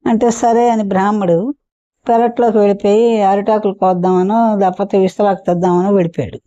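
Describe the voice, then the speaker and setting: A woman's voice: medium pitch, fairly even intonation, brisk, dark tone, dry recording. A woman storyteller telling a folk tale for children in a homely, repetitive, chatty way. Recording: dull muffled recording.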